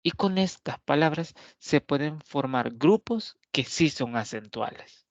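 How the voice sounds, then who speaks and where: A man teaching a grammar lesson, explaining slowly and deliberately, pausing often and checking that his listeners follow. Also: a little high, expressive, no echo. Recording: dull, lo-fi dry recording.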